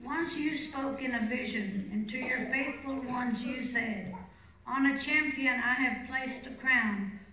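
A woman's voice: high voice, a little slow, pushed and bright, slight background noise. A woman reading scripture formally as a lector at Mass. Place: large reverberant church. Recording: very echoey church, distant mic.

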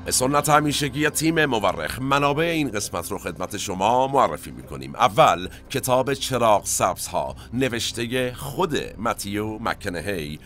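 A man's voice: mid-range voice, expressive, hardly any pauses, a bit bright, soft background music. A man hosting a cinema history podcast, telling stories in a conversational way with asides to his listeners. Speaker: podcast host.

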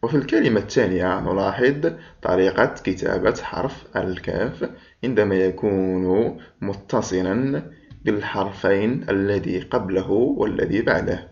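This primary school teacher, a man with a lowish, slightly mellow voice, gives first-graders a slow reading lesson syllable by syllable. He patiently draws out and repeats each sound, pausing so the pupils can echo it. The recording is dull and lo-fi.

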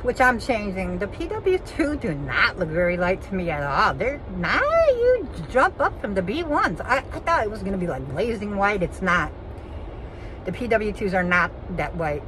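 A woman's voice: mid-range voice, sing-song, moderate pace. Woman in her 50s, speaking through a face mask, rambling vlog chat, phone mic outdoors with faint traffic. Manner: chatty, rambling, frank. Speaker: vlogger. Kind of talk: casual vlog update.

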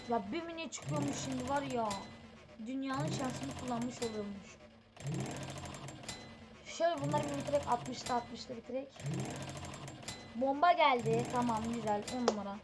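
High-voiced excitable woman, noisy room. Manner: excitable, impatient, chatty exclamations. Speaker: gaming channel host. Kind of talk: mobile game commentary. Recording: steady background noise.

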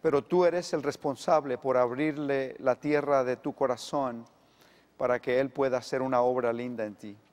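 A middle-aged male pastor, preaching emphatically and swinging between loud and hushed delivery. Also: medium pitch, fairly even intonation, moderate pace, in a large hall. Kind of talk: sermon.

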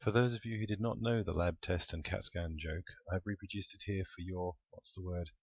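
A man reading his own comic story aloud with a wry, deadpan manner. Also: low-pitched, brisk, husky, no room sound. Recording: muffled, dry recording.

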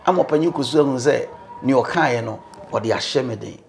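A middle-aged Ghanaian man, a bishop, talking as an interview guest in a room, mixing English and Twi, animated and preacherly. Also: mid-range voice, brisk, creaky, soft background music. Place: indoor living room, seated on sofa.

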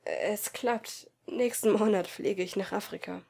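A woman voicing a caring teenage boy who is a worried best friend, in an amateur audiobook reading, speaking softly and falteringly. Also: mid-range voice, measured pace, creaky, slightly rough. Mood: hesitant. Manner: soft, faltering, uncertain.

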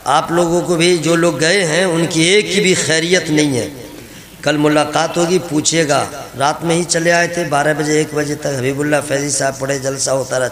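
A man preaching a lively, humorous sermon to a gathering, addressing the crowd directly. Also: fairly high pitch, roomy sound.

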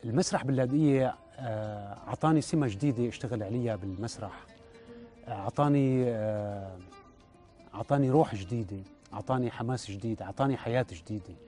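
A man with a Syrian Arabic accent, a playwright and theatre director, talking reflectively in an interview with many hesitant pauses. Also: mid-range voice, warm tone, soft background music.

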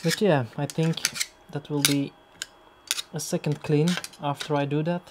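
Working beside a running industrial shredder amid clatter and machine noise, this Belgian channel host, a Flemish-accented man in his thirties, cleans the machine while speaking English without a script. His pitch is on the high side and his tone level; he halts often, restarts phrases and hunts for words.

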